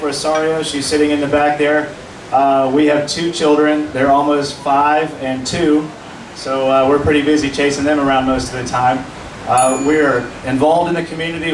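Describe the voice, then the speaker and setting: A man in his forties speaking as a judicial candidate at a public forum, measured and earnest, with fillers when answering questions. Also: on the high side. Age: 40s. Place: meeting room at a public forum. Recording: roomy, distant, noisy room recording.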